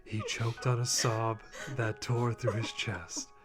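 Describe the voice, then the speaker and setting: A man hosting a channel gives a live, mock-serious dramatic reading of a fanfic, frequently on the verge of laughter, with music in the background. He speaks slowly in a mid-range voice with little pitch movement.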